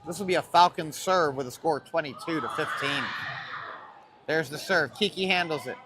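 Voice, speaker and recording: A man's voice: a little high, moderate pace. A man doing casual, chatty play-by-play commentary for a school volleyball match, calling players by name and number. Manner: chatty, cheerful, calls plays by player names and numbers. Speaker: play-by-play announcer for a high school volleyball stream. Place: school gym. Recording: noisy gym audio.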